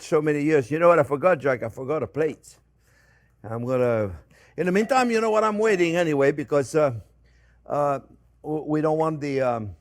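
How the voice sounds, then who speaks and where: An older man hosting a cooking show, chatting casually and animatedly to viewers as friends and often repeating short phrases as he demonstrates. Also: a little high. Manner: addresses viewers warmly as friends.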